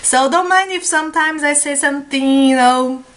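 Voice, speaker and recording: She's a beauty vlogger in her thirties whose Brazilian Portuguese accent comes through as she casually chats, fillers and all. Her high-pitched, fairly bright voice moves at normal speed, picked up by a webcam at her desk in a small room at home.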